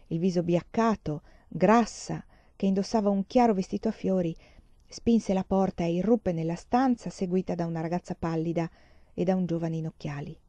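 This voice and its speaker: A woman reading a novel aloud as an audiobook narrator, in a measured, expressive way. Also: on the low side, no echo, muffled recording. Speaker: audiobook reader.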